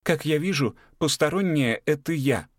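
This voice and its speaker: Man voicing a snappish young woman, irritable girlfriend, raised voice, lively, dry close sound. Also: on the high side, moderate pace, dry recording, voice pushed up, close to an everyday voice. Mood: irritated.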